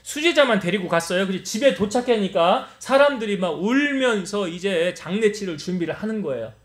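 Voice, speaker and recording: A man's voice: sits high, lively intonation, brisk. A male pastor preaching a Wednesday service sermon and acting out the lines of the people in his story. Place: church sanctuary. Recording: echoey church hall.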